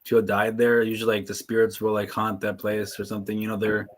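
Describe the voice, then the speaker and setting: A man's voice: lowish voice, completely flat delivery, fast talker. A man chatting casually on a reaction stream, rambling loosely and filling his talk with fillers. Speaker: stream co-host reacting to videos. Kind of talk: casual chat.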